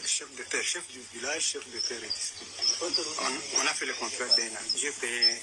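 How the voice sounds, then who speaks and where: Male cattle herder, field interview, halting speech, loud outdoor noise. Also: mid-range voice. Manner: hesitant, repeating words.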